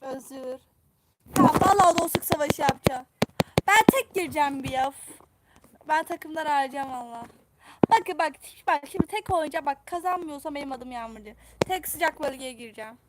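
Excitable young woman streaming a game. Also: sits high, moderate pace, very noisy. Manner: excitable, repeats phrases over and over. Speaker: live streamer. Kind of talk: live gameplay commentary.

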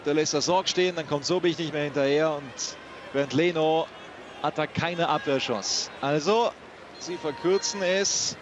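A man giving live football match commentary in an excitable way, full of exclaimed praise for the play. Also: on the high side, measured pace. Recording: loud noise behind the voice.

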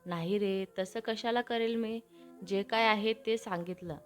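A woman's voice: medium pitch, fairly even intonation, unhurried, soft background music, close to an everyday voice. A woman voicing a young man who teasingly coaxes his younger brother out of bed in a storybook reading. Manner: teasing, coaxing.

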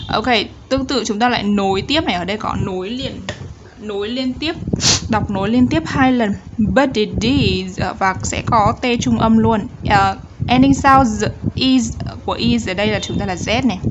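A woman teaching English pronunciation in a Vietnamese accent. She reads English phrases slowly and carefully, then explains them briskly in Vietnamese. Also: fairly high pitch, muffled recording, noisy background. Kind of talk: pronunciation lesson.

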